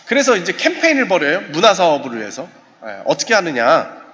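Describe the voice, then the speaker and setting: A man gives a seminar talk from a church, his somewhat high voice swinging widely as he acts out short exchanges with his listeners. The sound rings with long hall reverb and comes through a dull, muffled recording. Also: fairly quick. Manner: animated, acts out short dialogues with the audience. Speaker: professor lecturing on suicide prevention. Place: church sanctuary.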